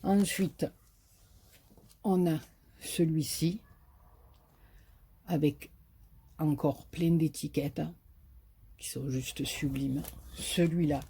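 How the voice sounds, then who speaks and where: A low-pitched woman with fairly even intonation speaks very slowly, pausing often, in a dark tone with slight background noise. With her Marseille accent from southern France, she chats casually through a craft haul, hesitant and filler-heavy, enthusiastic about paper designs.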